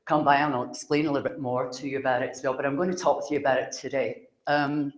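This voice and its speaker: Scottish woman, Glasgow accent, loud chatty public speaker, roomy hall sound. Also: a bass voice, steady tone, quick pace. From Scotland. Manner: loud, chatty, laughs often. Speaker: psychic speaker. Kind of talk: public talk to an audience.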